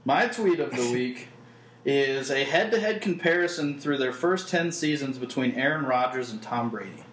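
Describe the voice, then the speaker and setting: A man co-hosting a casual podcast, listing sports numbers in a flat, deadpan way. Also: medium pitch, moderate pace. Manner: reads stats in a deadpan list. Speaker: podcast co-host. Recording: echoey room with faint background noise.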